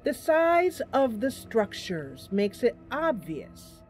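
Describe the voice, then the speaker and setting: A game streamer and channel host speaks slowly but very animatedly, her voice on the high side with a darkish tone. Soft music plays as she offers casual commentary, chats with viewers and reasons out her choices aloud.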